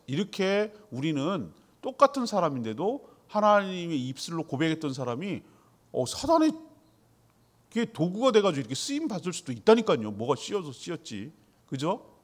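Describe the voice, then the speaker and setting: A male pastor delivering a sermon in a lively, conversational style, tossing rhetorical questions to his listeners and answering them himself. His voice sits a little high for a man and swings widely in pitch as he makes his points.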